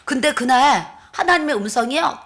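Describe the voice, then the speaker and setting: A woman's voice: high-pitched, expressive, a bit bright. Emotional woman giving church testimony. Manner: emotional, halting, with frequent restarts.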